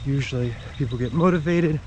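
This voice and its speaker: Male running vlogger, medium pitch, casual explainer delivered mid-jog in short bursts, noisy outdoor recording. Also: brisk, darkish tone, lo-fi sound. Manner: talking while jogging, in short broken phrases. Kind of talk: casual explanatory vlog talk while running. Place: outdoors on a run in the rain.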